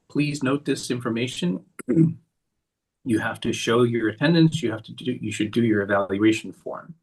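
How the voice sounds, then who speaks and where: A man closing an online summit session, briskly listing resources and announcements. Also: medium pitch, slightly rough, poor audio. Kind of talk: closing remarks over video call. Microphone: video call.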